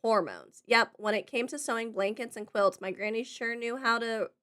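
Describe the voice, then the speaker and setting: A young woman chatting casually while streaming a game, giggling and getting excited as she reacts. Her voice is high and bright. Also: normal speed. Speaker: VTuber streamer.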